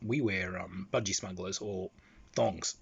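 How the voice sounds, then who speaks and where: A man with an Australian accent telling casual convention anecdotes in an animated, loose storytelling manner. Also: low voice, unhurried, gravelly, breathy edge, highs cut off.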